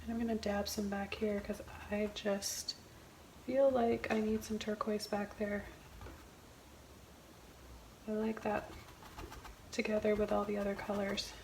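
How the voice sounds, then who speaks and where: A woman giving a casual step-by-step painting tutorial as a gentle, easygoing instructor. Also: mid-range voice, flat delivery, unhurried, creaky, long pauses. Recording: roomy echo, faint background noise.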